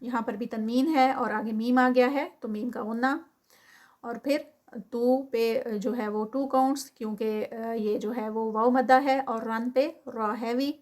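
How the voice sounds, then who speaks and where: A woman with a Pakistani Urdu accent teaching Quran recitation, who recites words slowly and drawn out, then explains quietly and quickly. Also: fairly high pitch, steady tone. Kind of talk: tajweed lesson, explaining and reciting.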